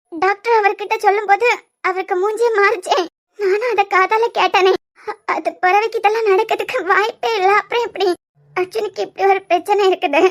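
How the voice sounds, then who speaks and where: A very high, girlish voice of an anxious young wife in a cartoon serial, her words pleading and tearful, as a woman acts her out. She speaks with a Kanyakumari Tamil accent. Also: fairly bright tone. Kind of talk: cartoon web series voice acting.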